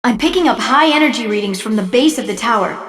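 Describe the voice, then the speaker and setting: A woman plays a poised guardian goddess from a video game, explaining and reassuring. Her fairly high voice carries a long, airy reverb. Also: lively intonation, quick pace, natural voice. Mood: composed, guiding. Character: poised, kindly guiding goddess of light. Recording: roomy, distant, long reverb.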